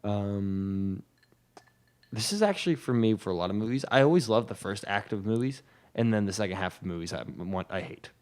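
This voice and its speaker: Young dude cohost, lowish voice, opinionated, matter of fact. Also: male voice, expressive, brisk, a little mellow, clear, resonant tone. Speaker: podcast co-host. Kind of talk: casual chat.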